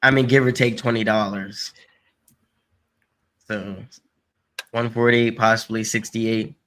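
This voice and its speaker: A man with a bright, forward voice talks sports like a frat bro, tossing in slang. He sounds like a casual podcast co-host bantering with his buddies. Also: lowish voice, flat delivery, slow pace.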